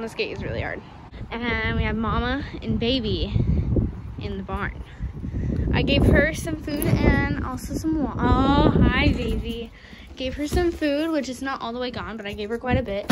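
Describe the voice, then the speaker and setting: A woman's voice: on the high side, heavy background noise. A woman talking casually on a phone camera in a wooden goat barn about feeding her goats. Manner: coaxing, encouraging the goat. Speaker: farm vlogger. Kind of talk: casual farm vlog narration.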